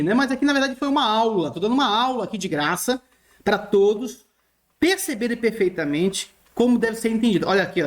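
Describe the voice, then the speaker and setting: A man teaching Greek grammar in a recorded lesson, repeating his points and often checking in with the class while he points at written text. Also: high voice.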